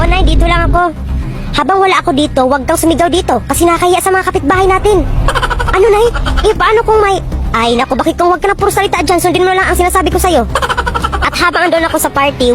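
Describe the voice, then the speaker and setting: A woman with a high-pitched voice performs comedy skits, switching quickly between exaggerated character voices. Loud music plays behind her. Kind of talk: comedic skit voicing many roles.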